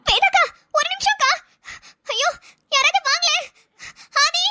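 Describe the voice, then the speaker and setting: A woman's voice: extremely high pitch, measured pace, bright, forceful tone, a little hiss or hum, heavily acted. A woman voicing an anxious young woman who pleads frantically in a cartoon. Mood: frantic. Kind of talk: dubbed cartoon voice acting.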